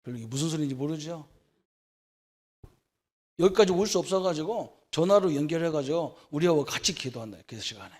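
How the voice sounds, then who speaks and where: A man's voice: on the high side, lively intonation, brisk, pauses often, darkish tone. A middle-aged man preaching a sermon as pastor, in a conversational way, with rhetorical questions and frequent checks for agreement. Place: church sanctuary.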